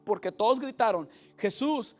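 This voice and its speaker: A man's voice: high-pitched, lively intonation, moderate pace, soft background music. A Mexican man preaching a bilingual sermon as pastor, going back and forth between Spanish and English and asking his congregation questions. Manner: switches between Spanish and English, repeating each point; asks the congregation questions and has them repeat.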